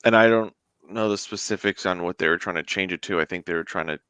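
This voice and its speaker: This man, an indie tabletop game creator appearing as a guest in a relaxed interview, talks fast in a low voice that is bright and forceful. Recorded clear and resonant without echo, he rambles in a chatty way.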